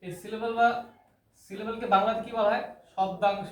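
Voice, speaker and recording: A man explains English grammar classroom-style, walking through terms step by step, repeating key words and asking rhetorical questions. His high-pitched voice is level and fairly bright, and he talks fairly quickly in an echoey room with faint noise.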